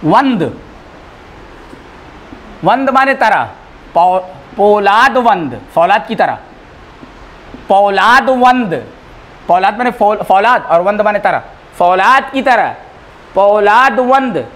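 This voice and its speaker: A man teaching a class in a lecture style, repeating words slowly for students to write down. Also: high voice, expressive, fairly bright tone. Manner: slow, repeats words for dictation. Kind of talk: classroom lecture, dictating notes.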